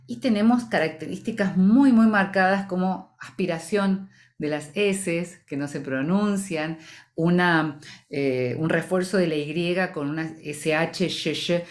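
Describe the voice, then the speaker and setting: A woman's voice: lowish voice, measured pace. A woman from Argentina with a Rioplatense accent, a voice-over professional giving articulate, explanatory interview answers. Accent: Rioplatense Spanish. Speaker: voice-over professional, association president.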